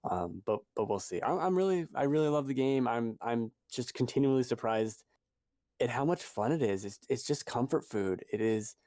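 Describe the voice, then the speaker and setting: Rambling and correcting himself, this podcast co-host keeps the chat casual. He has a mellow, animated mid-range voice at a moderate pace, captured on a dry, studio-quality recording.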